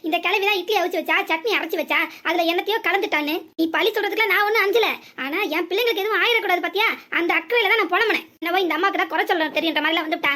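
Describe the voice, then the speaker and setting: A woman voicing a sharp-tongued old village mother-in-law in a cartoon, with a southern Tamil accent and long scolding rants. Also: extremely high pitch, racing, hardly any pauses. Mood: indignant. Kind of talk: cartoon voice acting.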